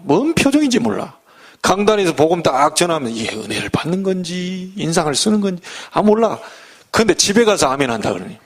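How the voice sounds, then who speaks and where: A middle-aged male pastor giving a folksy sermon full of humor and rhetorical questions. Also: fairly high pitch.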